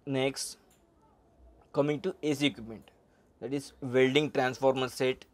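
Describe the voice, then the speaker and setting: A middle-aged man, lecturing on welding over slides, with halting speech and frequent "uh" and "okay". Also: mid-range voice, steady tone. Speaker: welding instructor.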